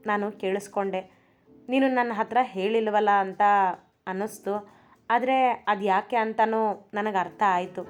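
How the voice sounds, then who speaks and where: A woman's voice: mid-range voice, lightly acted. A woman voicing a teasing young husband. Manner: teasing, mock-stern, quick delivery. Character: young husband, playful, feigning sternness.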